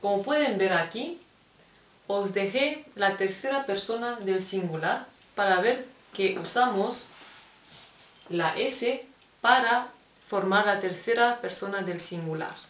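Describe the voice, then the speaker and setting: A woman's voice: mid-range voice, takes it slowly, a bit bright, far from the mic. A woman teacher with a Spain Spanish accent, patiently explaining English grammar, spelling out letters and repeating examples. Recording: echoey room, voice set back from the mic.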